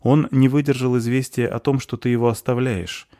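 A man's voice: medium pitch, fairly even intonation, fairly quick, dark tone, dry recording, voice pushed up, natural voice. A man voicing a stout dwarf woman who speaks bluntly and grimly in an audiobook. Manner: blunt, dry, grim.

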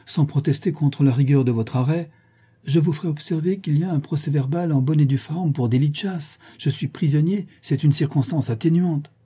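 A man reading an audiobook, voicing a timid, lovesick young gentleman who pleads softly. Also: a little high, brisk, breathy edge, voice pushed up.

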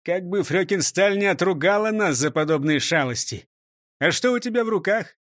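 A man voicing a bossy robber gang leader who gives hushed, blustering orders. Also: sits high, animated, normal speed, no echo, clean studio sound.

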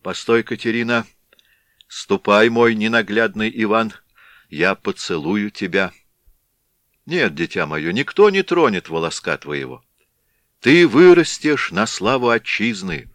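A man's voice: lowish voice, big pitch swings, a little slow, no room sound, studio quality, exaggerated voice. A man doing a fierce Cossack warrior. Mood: tender. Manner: stern, commanding, loud.

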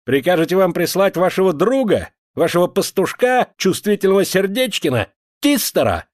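A man reading an audiobook voices a coarse, hot-tempered older male cavalry officer with a low, gruff, sneering manner. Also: unhurried, darkish tone, no room sound, studio quality, lightly acted.

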